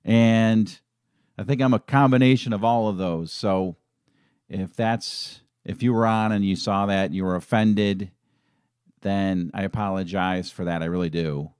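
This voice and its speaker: A man's voice: lowish voice, steady tone, a little slow, a little mellow, clean tone, no echo, studio quality. A middle-aged man hosting a fan live stream, talking in a casual, emotional and rambling way with many restarts. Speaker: fan channel host.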